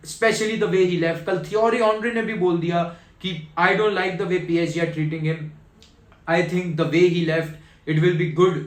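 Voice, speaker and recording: A high-pitched man talks football straight to his viewers in a casual vlog, animated and chatty. He keeps calling them brother and slips in and out of English. The room has a noticeable echo. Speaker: football fan vlogger.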